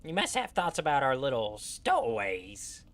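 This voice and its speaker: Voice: medium pitch, big pitch swings, moderate pace, vocal fry, fairly bright tone. A player voicing an inquisitive gnome adventurer in a fantasy game, chirpy and eager. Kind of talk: in-character game dialogue.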